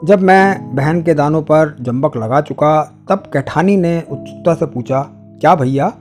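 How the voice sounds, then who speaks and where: A man narrates a literary short story, measured and expressive, in a fairly high voice. Soft guitar plays faintly behind him. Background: faint guitar music.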